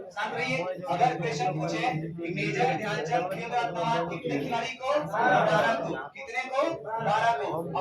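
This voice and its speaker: Male coaching teacher, high voice, drills answers by repetition; recorded from a distance over loud classroom chatter. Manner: repeats each question and answer, drilling the class; keeps telling the class to stay quiet. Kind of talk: classroom lecture with call-and-response quizzing. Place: classroom full of students. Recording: echoey classroom, mic far off, chatter.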